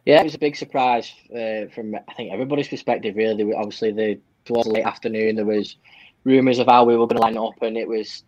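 British man, podcast co-host, rapid effusive fan chat, dull lo-fi recording. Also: lowish voice, steady tone, darkish tone. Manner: effusive, informal. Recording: dull lo-fi microphone sound.

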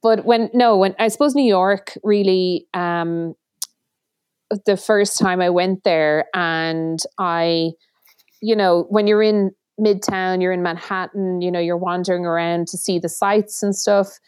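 An Irish woman chats casually as a podcast co-host, wandering through her thoughts with restarts. Her voice is smooth and clear. The sound is dry and close. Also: fairly low pitch, fairly even intonation, measured pace, a little mellow, dry recording. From Ireland. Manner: chatty, rambling with restarts. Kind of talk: casual chat.

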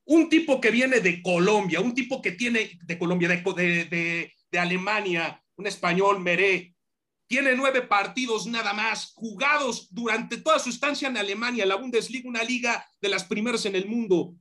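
Bright, emphatic pundit. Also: male voice, high-pitched. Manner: measured, emphatic, calls opponent by name. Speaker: sports pundit. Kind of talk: heated studio debate.

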